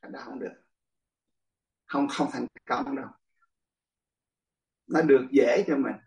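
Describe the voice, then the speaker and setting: A man's voice: medium pitch, a little slow, creaky, a little mellow. An older man, a monk, teaching a class in casual, chatty talk, often laughing and speaking straight to his students. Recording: echoey room, far from the mic.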